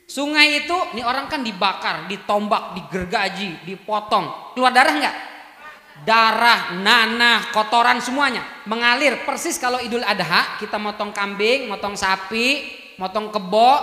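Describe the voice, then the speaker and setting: A man preaching a lively sermon in to a women's study group, constantly asking his audience questions. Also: high-pitched. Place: prayer hall at a religious celebration. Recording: echoey hall with long reverb.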